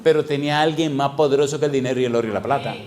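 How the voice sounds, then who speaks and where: A man's voice: mid-range voice, racing, a little mellow. A middle-aged man preaching a sermon as a pastor, asking the congregation question after question and playing with sound words.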